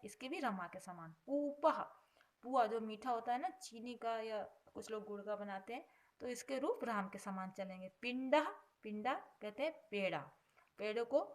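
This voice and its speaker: A woman teaching a vocabulary lesson. She explains patiently, repeating each word before its meaning, and stresses each headword louder before dropping low on the grammar note. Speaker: Sanskrit teacher.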